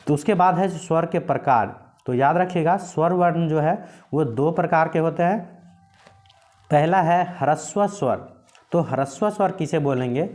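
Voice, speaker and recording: Man, teacher, patient grammar lesson, fairly high-pitched, asks and answers his own questions. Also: a little mellow.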